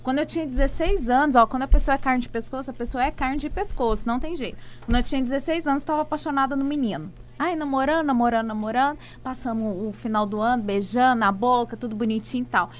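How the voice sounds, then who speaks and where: A woman's voice: high-pitched, quick pace, few pauses. A woman, a guest telling personal stories animatedly in a casual chat, repeating words for emphasis. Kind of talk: lively storytelling in casual chat.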